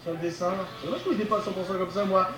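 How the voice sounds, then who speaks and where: High, bright, excitable young man gaming. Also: racing, roomy sound, a little hiss or hum, poor audio. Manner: excitable, shouts and laughs, talks to viewers. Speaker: gaming video host. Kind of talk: excited game commentary.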